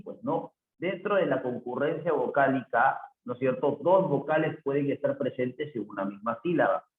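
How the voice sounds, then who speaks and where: Man teaching an online class, slightly high voice, keeps checking with tag questions, roomy echo, thin phone-like sound. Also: a little hiss or hum. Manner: repeats the tag "¿no es cierto?" often, voices imagined student questions himself. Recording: echoey room over a tinny phone-like line.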